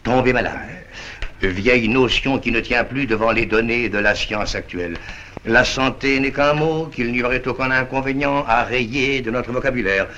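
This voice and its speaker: Actor as pompous, bright-voiced man of science. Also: mid-range voice, moderate pace, close to an everyday voice. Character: pompous man of science dismissing health as illusion. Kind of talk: theatrical dialogue from an archive recording. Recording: dull, noisy old film sound.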